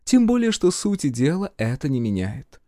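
A man's voice: on the high side, very animated, normal speed, warm tone, no room sound, clean studio sound, pitched above the performer's own voice. A male audiobook reader voicing a haughty female goddess of dreams who speaks with contempt and sarcasm. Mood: imperious. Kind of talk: audiobook character voice.

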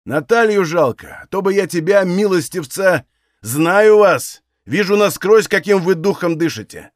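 A man's voice: a little high, sing-song, moderate pace, no room sound, clean studio sound. A man doing a furious young Cossack executioner. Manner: loud, threatening, snarling.

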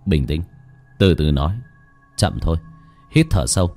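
A man voicing a calm, stern old exorcist master who speaks in a low, measured, firm way. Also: faint music behind, exaggerated voice.

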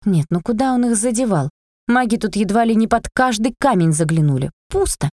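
A woman narrating a fantasy audiobook in the first person, with a lively, expressive reading. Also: mid-range voice, a little fast, no echo, clean studio sound. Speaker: audiobook reader.

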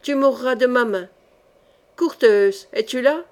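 A woman's voice: fairly high pitch, a little slow, close to an everyday voice. A woman voicing a vengeful phantom voice. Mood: menacing. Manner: menacing shouts. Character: vengeful phantom voice crying out from the dark.

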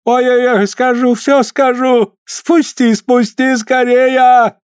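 A man's voice: high-pitched, flat delivery, moderate pace, darkish tone, no echo, studio quality, pitched above the performer's own voice. A man voicing an old village healer woman, frightened and pleading, wailing and chanting her charms. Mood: screaming.

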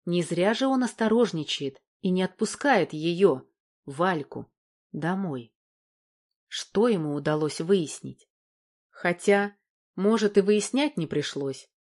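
Woman narrator, lower voice, audiobook, even, measured storytelling. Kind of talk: scripted narration.

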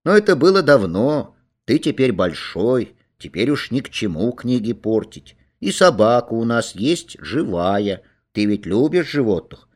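A man voicing a gentle, worried mother who asks soft, coaxing questions. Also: medium pitch, very animated, unhurried. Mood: fond.

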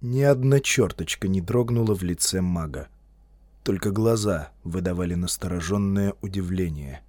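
A man reading a fantasy audiobook as narrator, with an expressive, dramatic storytelling delivery. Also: low voice, normal speed, no echo, clean studio sound. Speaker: audiobook reader.

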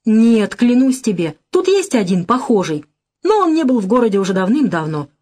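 A woman's voice: fairly high pitch, sing-song, normal speed, darkish tone. A woman doing a sad, hesitant young woman. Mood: uneasy.

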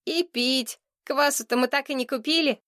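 A high, cheeky little prankster boy, put on by a woman reading a storybook aloud. He teases and rhymes in a bright sing-song tone. The sound is close and dry. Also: normal speed, no room sound. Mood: teasing.

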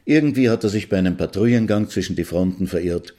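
Wry guy telling jokes on his podcast, deep voice, chatty monologue. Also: quick pace, mellow. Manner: wry, conversational, addresses the listener. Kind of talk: storytelling monologue.

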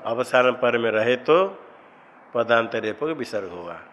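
A male teacher gives a slow, deliberate grammar lesson in an ashram classroom. He keeps putting short questions to his class, then recites each rule in a measured, mid-pitched voice. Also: expressive, fairly bright tone, a little hiss or hum, poor audio.

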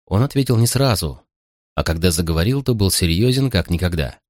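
A man reading a story aloud as narrator in a calm, measured way. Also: deep voice, dry recording, clean studio sound. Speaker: audiobook narrator. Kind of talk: scripted narration.

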